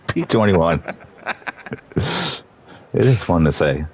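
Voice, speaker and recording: A man commentating live on a sim race, reading out the starting grid in a relaxed, joking way. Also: sits low, slow.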